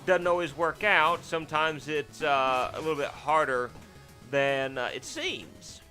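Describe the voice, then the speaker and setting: A let's play host rambles casually over the game he's playing, self-deprecating and full of fillers and restarts, with sudden startled yelps. His fairly deep voice is animated and sharp-toned yet unhurried, with faint game music behind.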